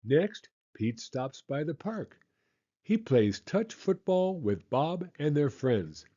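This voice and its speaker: Man, storybook narrator, measured pace, expressive pitch, softened dark tone, slightly muffled recording. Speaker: children's story reader.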